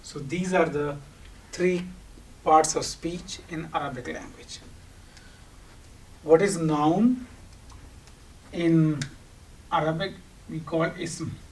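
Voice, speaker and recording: Slowly and with long pauses, a Pakistani teacher whose mother tongue is Urdu lectures in a somewhat high voice, setting up questions and answering them to explain the subject. Background noise can be heard, and the microphone is distant.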